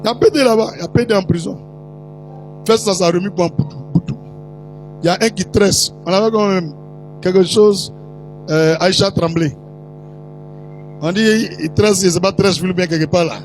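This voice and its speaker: A man's voice: high voice, normal speed, long pauses, darkish tone, soft background music, poor audio. A man with an Ivorian French accent preaching a sermon, chatty and teasing as he talks straight to the congregation. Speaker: prophet preaching. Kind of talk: sermon storytelling.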